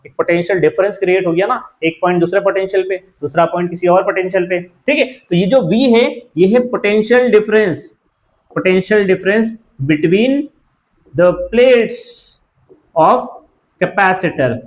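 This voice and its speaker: A man's voice: sits high, poor audio. A man teaching a physics class, lecturing in with terms and often checking that his students follow. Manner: repeats questions, keeps asking "clear?" to students.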